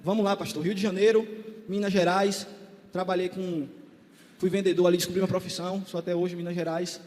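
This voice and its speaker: A man giving a testimony sermon in a church, moving between quiet storytelling and shouted calls to the congregation. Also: high voice, flat delivery, a little fast. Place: large church hall. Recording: long church hall reverb.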